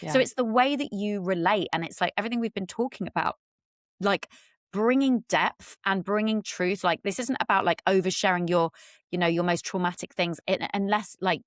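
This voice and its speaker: A woman's voice: medium pitch, normal speed, dry recording, clean studio sound. A middle-aged woman from Britain, a relationship expert talking candidly as a podcast guest, swearing freely and acting out quotes in a raised voice. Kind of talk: candid conversational interview.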